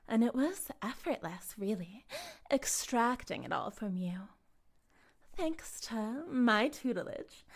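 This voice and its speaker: In this intimate roleplay monologue, a woman voices a possessive, smug female cult leader. She's deliberate and teasing and frequently slides into a breathy whisper, with a slightly mellow voice on the high side.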